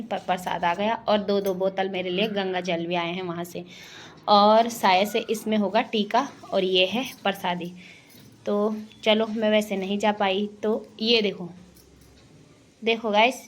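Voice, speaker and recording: Chatty, fast-talking Garhwali woman vlogger. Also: medium pitch, slight background noise. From Garhwal, Uttarakhand. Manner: fast-talking, chatty, addresses viewers as guys. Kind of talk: casual home vlog.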